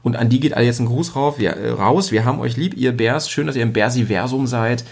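A man hosting a casual podcast, rambling along with lots of filler sounds. He pokes fun at his own show as he goes. His pitch sits in the middle range. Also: fast talker, creaky, husky. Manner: rambling, many fillers, self-mocking. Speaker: podcast host.

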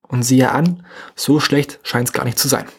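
Fast, husky young German man podcasting. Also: medium pitch. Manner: fast, slightly mumbled casual speech. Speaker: podcast host. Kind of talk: motivational solo podcast talk.

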